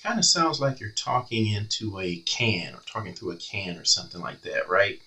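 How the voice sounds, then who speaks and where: A man's voice: on the low side, moderate pace, distant mic. A man giving a casual product review, heard through a webcam's built-in mic that sounds tinny and muffled, with room echo from an untreated room. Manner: relaxed, explanatory, with fillers. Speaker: tech reviewer. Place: small untreated room with reverb.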